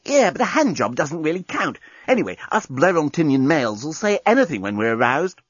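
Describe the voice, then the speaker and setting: A man's voice: a little high, very animated, a little fast, husky, dry recording, highs cut off, pitched above the performer's own voice. A man doing a smug, lecherous alien. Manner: smug and self-satisfied.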